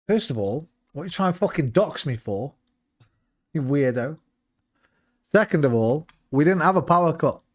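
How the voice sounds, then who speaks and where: Lively, sweary streamer guy. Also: fairly high pitch, moderate pace, pauses often. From West Midlands, England. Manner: sweary, blunt, bantering. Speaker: game streamer. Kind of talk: casual livestream gaming chat.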